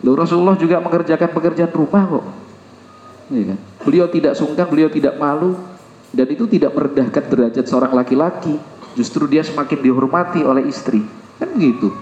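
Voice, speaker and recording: A man preaches in a loose, conversational way and keeps turning to his listeners for agreement. His voice sits somewhat high and carries a long hall reverb. The recording sounds muffled, as if it were captured on modest gear. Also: brisk, darkish tone. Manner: conversational, acts out household dialogue, asks the crowd "ya kan?". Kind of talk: Islamic sermon to a congregation. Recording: echoey hall, dull lo-fi sound.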